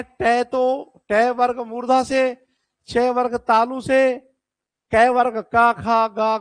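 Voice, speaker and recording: This online exam-prep teacher has a very high voice and a lively manner. He talks right to his students, elongating words for emphasis, and the audio is dry.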